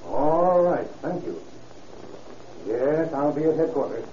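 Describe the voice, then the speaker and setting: Grave, terse police chief, mellow. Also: male voice, fairly high pitch, expressive, slow, roomy sound, slight background noise. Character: grave police chief taking a telephone call. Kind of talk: old-time radio drama acting. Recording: muffled old radio recording.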